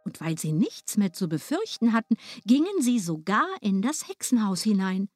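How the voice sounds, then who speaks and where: A woman reading a fairy tale aloud, in a lively, expressive way. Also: mid-range voice, normal speed, no echo, studio quality, faint music behind. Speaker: storyteller.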